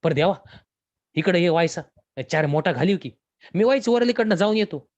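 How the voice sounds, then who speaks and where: A man's voice: sits high, lively intonation, normal speed, lo-fi sound, voice pushed up. A man voicing a busy village man who gives casual orders. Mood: offhand.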